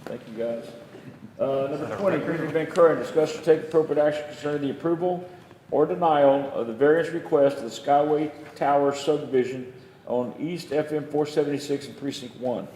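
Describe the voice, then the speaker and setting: A man's voice: fairly high pitch, a little fast, dark tone. A man formally chairing a public meeting, reading agenda items in a procedural way. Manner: procedural, formulaic. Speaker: county judge chairing a meeting. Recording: echoey hall, long reverb, faint noise.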